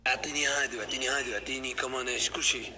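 A man's voice: medium pitch, steady tone, racing, background noise. A man vlogging a restaurant visit, teasing and joking with a friend. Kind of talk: casual vlog chat.

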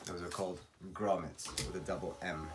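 A man in his thirties, slightly hoarse from losing his voice, calmly talking through a how-to tutorial step by step and counting aloud. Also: deep voice, a little fast, noisy background. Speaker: racket stringing instructor. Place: home workshop at night. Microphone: camera on a tripod.

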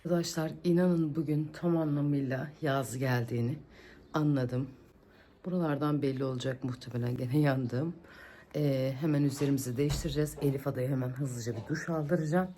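A woman in her thirties vlogging at home, talking to viewers and in gentle baby talk to her daughter. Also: a bass voice, steady tone, fairly quick, slight background noise. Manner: soft baby talk to her daughter, whispering while the child sleeps. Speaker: vlogger and mother. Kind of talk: casual home vlog chat.

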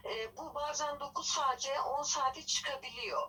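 A woman as a bright-voiced, formal office boss heard over a landline phone, distant with faint noise behind. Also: high voice, measured pace. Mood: polite. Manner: formal and patient, hesitant fillers. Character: polite, formal female office employer.

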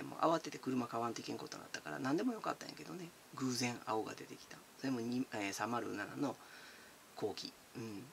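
Giggly chatty man with a gravelly voice. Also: medium pitch, pushed and bright, a little hiss or hum. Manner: chatty and giggly, calls himself by nickname. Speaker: channel host. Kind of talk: casual chat answering viewer comments.

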